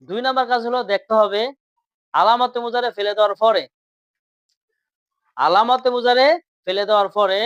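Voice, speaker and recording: A man's voice: high-pitched, fairly bright tone, smooth, dry recording, lo-fi sound. A man teaching grammar in class, repeating points and quizzing his students questions.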